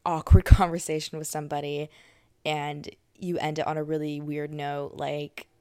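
A woman's voice: low voice, little pitch movement, moderate pace, dark tone, clear, resonant tone, no room sound. A young woman hosting a podcast, talking casually in a chatty way, full of fillers and restarts. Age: young adult. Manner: chatty, filler-heavy, self-correcting. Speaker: podcast host. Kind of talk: casual monologue.

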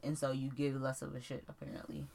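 A woman's voice: a bass voice, flat delivery, quick pace, a little mellow. A woman in her twenties co-hosting a podcast, chatting casually with slangy talk and frequent laughter. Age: 20s. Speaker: podcast co-host. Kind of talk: casual chat.

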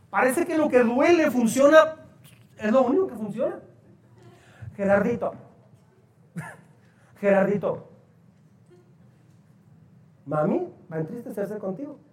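A man preaching a sermon as pastor, talking conversationally and quizzing his congregation. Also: sits high. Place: church hall. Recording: echoey hall, poor audio.

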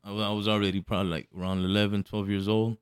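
Born of Puerto Rico and Chicago, this event promoter chats casually on a podcast about his own life. His lowish voice is level, smooth and rapid-fire, loaded with street slang and tags like "you know what I'm saying."

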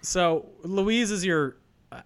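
A man's voice: high-pitched, lively intonation, slow pace, clear, resonant tone. A man co-hosting a podcast, chatting casually as he recaps a movie. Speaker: podcast co-host.

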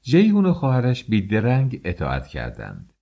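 A man reading an audiobook as its narrator, in a measured, expressive storytelling manner. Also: fairly low pitch, gravelly, muffled recording. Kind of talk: scripted narration.

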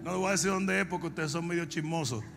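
A Dominican man preaching, telling comic stories and breaking into long shouted cries. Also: fairly high pitch, gravelly, soft background music. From Dominican Republic. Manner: shifts from shouted, drawn-out preaching to fast, joking anecdotes. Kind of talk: comic sermon storytelling.

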